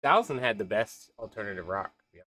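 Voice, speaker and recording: A man's voice: on the low side, expressive, a little fast, sharp tone, low-quality recording. A man hosting a casual gaming stream, drifting between remarks with offhand comments and the odd curse.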